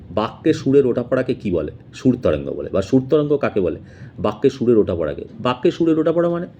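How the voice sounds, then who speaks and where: A man teaches an informal exam-prep lesson, talking straight to his students and explaining step by step. His voice is mellow and dark, and his pitch rises and falls a lot. He stops often on fillers before he goes on. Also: slight background noise. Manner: explains patiently, addresses students directly, many fillers and pauses.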